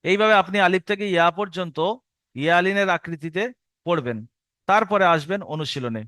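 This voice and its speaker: A man's voice: sits high, fairly quick, sharp tone, dry recording, studio quality. A man teaching Quran reading to adults in a recorded lesson. He patiently repeats each rule for learners to memorize and draws out the syllables as he spells them.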